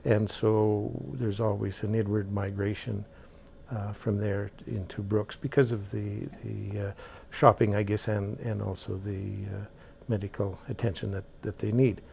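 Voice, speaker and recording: A low, gravelly man speaking slowly and deliberately, pausing often on "uh". His delivery is flat and mellow. Faint noise is heard behind him. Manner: slow and deliberate, many "uh" pauses. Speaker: housing board member. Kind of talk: interview answers.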